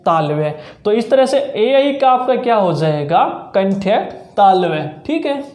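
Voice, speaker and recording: A teacher walks through an exam-prep grammar lesson at an unhurried pace, repeating each point. Sounds are spoken aloud one by one as demonstrations, with frequent quick checks that the class is following. The room gives the voice a noticeable echo. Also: medium pitch, very animated, a little mellow. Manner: slow, repetitive drilling with frequent "ठीक है" checks. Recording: roomy echo.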